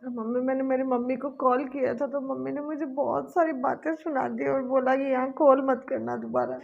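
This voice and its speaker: A woman plays a gentle young bride with a high, gravelly-edged voice, talking softly and pleadingly. The sound is dull and lo-fi, with faint music in the background. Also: steady tone, moderate pace. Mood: tearful. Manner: soft-spoken and pleading. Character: young married daughter, gentle and hurt. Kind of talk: amateur family short-film acting. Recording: dull lo-fi audio, soft music.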